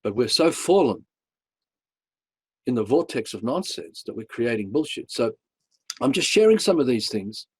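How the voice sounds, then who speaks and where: A middle-aged Australian man hosting a spiritual talk, telling a personal story bluntly and with strong emphasis, swinging between excited highs and hushed lows. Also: normal speed, pauses often, slightly rough, no room sound. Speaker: show host.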